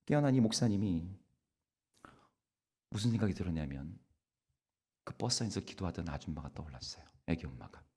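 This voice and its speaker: A low, slightly husky man preaches from the pulpit, his pitch swinging widely as he tells his story. The church hall around him rings with a long reverb. He acts out each person in his stories as he goes. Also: fairly quick, long pauses. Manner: animated storytelling, acting out the people in his stories. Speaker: pastor. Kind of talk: sermon. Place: church sanctuary.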